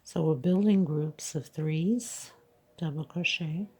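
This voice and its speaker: Slow and mellow, this woman's deep, husky voice sounds congested as she walks learners through crochet one step at a time. She teaches as an instructor, counting each stitch patiently.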